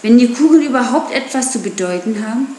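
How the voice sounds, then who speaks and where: A woman voicing a calm, measured old male wolf. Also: on the high side, reverberant, a little hiss or hum, lightly acted.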